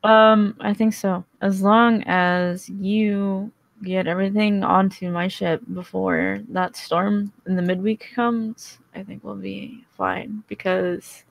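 A woman's voice: medium pitch, level tone, slow pace, vocal fry, hardly any pauses, dry recording. A woman voicing a blunt, businesslike male ship captain in a tabletop role-play over voice chat, in a plain, matter-of-fact manner. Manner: plain matter-of-fact speech, dropping her usual voice.

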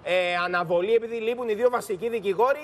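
High-pitched male news panelist. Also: a little hiss or hum. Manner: asks questions, offers opinions. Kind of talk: studio news discussion.

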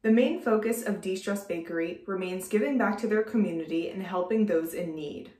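A teenage girl, a student reporter, reading scripted news narration in an even way. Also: mid-range voice, fairly quick, faint music behind. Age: teens. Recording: roomy echo.

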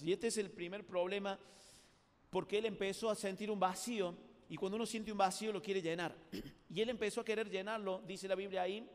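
A man with an Argentine accent preaching a live sermon to a youth congress, telling stories in a chatty, colloquial way and addressing the audience directly. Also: high voice. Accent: Argentine Spanish. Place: large hall at a youth congress. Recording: reverberant live hall recording.

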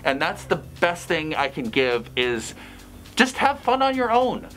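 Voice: mid-range voice, sing-song, unhurried, fairly bright tone, slight background noise. A fursuiter giving blunt, chatty advice in a casual vlog, speaking through a costume head. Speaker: fursuiter vlogger.

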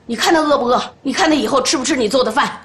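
An actress playing a bossy, sharp-tongued middle-aged grandmother who scolds a small child in a TV drama. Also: high voice, very fast, echoey room, slight background noise. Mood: stern. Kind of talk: TV drama acting.

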